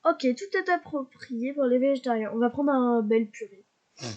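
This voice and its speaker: A woman casually commentating her life-simulation gameplay, chatty and excitable, talking to her characters, sniffly from a cold. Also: high voice, moderate pace, muffled recording. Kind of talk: casual let's-play commentary.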